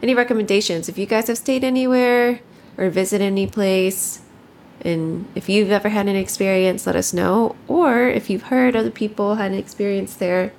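Gravelly woman cohost just chatting, swears a bunch, loose and chatty. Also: medium pitch, steady tone, moderate pace, a little mellow, slight background noise. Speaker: podcast co-host. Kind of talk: casual chat.

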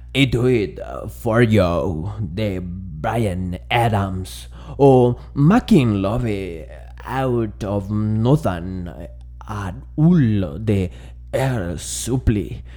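Guy doing a deep slow crooning radio dj voice, mellow. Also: exaggerated voice. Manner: slow, crooning announcer delivery. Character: sultry late-night male radio DJ, smooth and showy.

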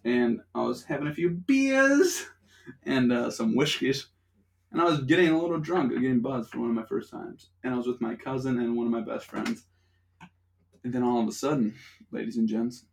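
A man's voice: medium pitch, lively intonation, moderate pace, creaky. A young man telling a rambling, profane story in casual chat on a podcast, laughing often. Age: young adult. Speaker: podcast host.

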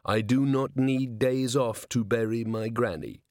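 Man doing a clay golem cop, super slow and flat, every word measured, dry close sound. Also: medium pitch, no echo, natural voice. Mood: earnest. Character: slow, literal-minded male clay golem constable.

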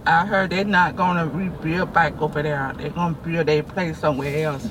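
A woman's voice: low-pitched, fairly even intonation, moderate pace. A middle-aged woman with a Southern Florida accent and a folksy drawl, chatting casually and repeating her phrases as she rambles. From Florida, United States. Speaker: passenger being interviewed. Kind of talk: casual chat. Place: inside a car. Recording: noisy moving vehicle, road noise.

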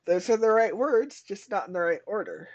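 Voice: mid-range voice, lively intonation, moderate pace, lo-fi sound. A podcast co-host chatting casually and playfully, with joking asides, on an online voice call.

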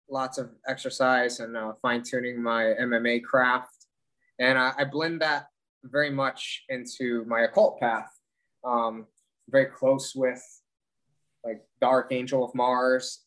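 A man speaking as a podcast guest in casual interview chat, haltingly thinking aloud as he explains. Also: mid-range voice, a bit bright, rough recording. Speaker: podcast guest, occult practitioner.

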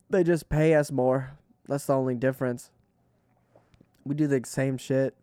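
A man's voice: mid-range voice, mellow, clean tone, no room sound, clean studio sound. A man hosting a podcast in a casual, rambling chat, laughing often and swearing freely. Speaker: podcast host.

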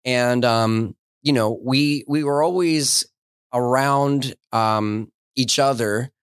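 A man from southern New Jersey speaks as a podcast guest, relaxed and quick to laugh while he tells his stories. His voice sits at an average pitch. It is recorded close and dry, with no room sound. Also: smooth, no echo. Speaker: church missions director, podcast guest. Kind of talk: casual interview.

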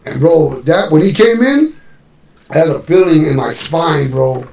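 A man tells a story in loose, profane chat and acts out the voices of the people in it. His voice sits fairly high and has a gravelly edge. He is picked up from a distance in an echoey room. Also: expressive, measured pace, darkish tone. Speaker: musician telling a story. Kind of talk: casual storytelling.

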